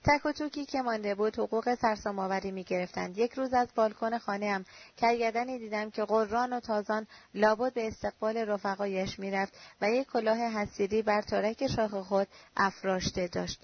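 A woman giving measured, steady narration of a literary audiobook. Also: mid-range voice. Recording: dull lo-fi recording.

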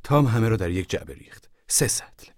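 A man narrating an audiobook in a measured, even reading. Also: on the low side, no echo, studio quality.

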